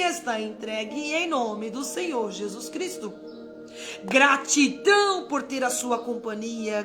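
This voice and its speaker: A fervent woman preacher, speaking in a high voice. She talks to her listeners directly and acts out prayers to God. Music plays clearly behind her. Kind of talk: live-streamed daily devotional.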